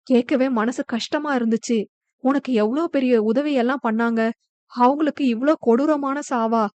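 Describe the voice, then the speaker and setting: A woman's voice: high-pitched, fairly even intonation, normal speed, darkish tone, no echo, close to an everyday voice. A woman narrator voicing a middle-aged mother who fusses and soothes her daughter in a chiding, caring manner. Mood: consoling.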